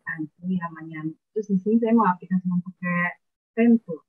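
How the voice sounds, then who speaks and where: A woman's voice: on the low side, brisk, breathy edge. A woman student presenting hesitantly, faint as if the phone is held away. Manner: hesitant, many filler sounds. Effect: faint, choppy voice as if the phone is held away on a video call. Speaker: student presenting her work. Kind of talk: online class presentation. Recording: thin phone-like call audio.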